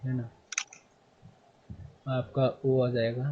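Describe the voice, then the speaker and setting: A male English grammar teacher in a classroom, repeating his points and firing quick questions at his students. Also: medium pitch, completely flat delivery, narrow, tinny audio, slight background noise.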